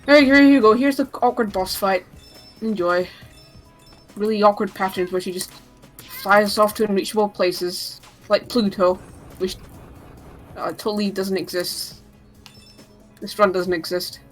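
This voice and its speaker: Speedrunner, female, mid-pitched, chatty and jokey live commentary over faint game music. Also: steady tone, unhurried, long pauses, rough recording. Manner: chatty, joking asides.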